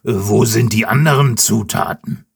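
A gruff, grumbling wild-boar king, played by a male storyteller, low and husky with a blustering edge. He grunts his way through his lines like a storybook monarch used to giving orders. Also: normal speed, exaggerated voice. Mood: grumpy. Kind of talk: storybook reading.

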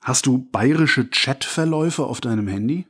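A man's voice: medium pitch, moderate pace, fairly bright tone, slightly rough. A man hosting an interview, firing off short questions and adding brief teasing follow-ups. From outside Franconia, Germany. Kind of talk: quick-fire interview questions.

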